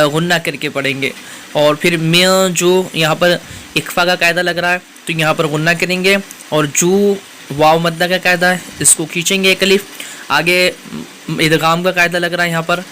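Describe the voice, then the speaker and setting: A man's voice: fairly high pitch, bright, forceful tone, slight background noise. A man teaching Quran recitation rules in a patient, methodical way, spelling out letters one by one. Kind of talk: step-by-step tajweed lesson.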